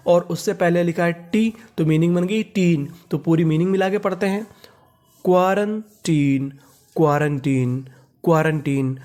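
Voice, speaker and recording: Guy teaching english words, spells them out, keeps asking what do we read, kinda high voice. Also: a little mellow. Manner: repeats each word and asks "what do we read?".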